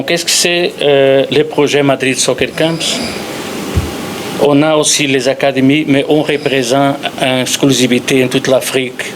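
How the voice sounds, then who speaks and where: Man with foreign Iberian accent, noisy room. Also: medium pitch. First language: not French. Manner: halting non-native French. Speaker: academy president giving a speech. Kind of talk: semi-formal press conference speech.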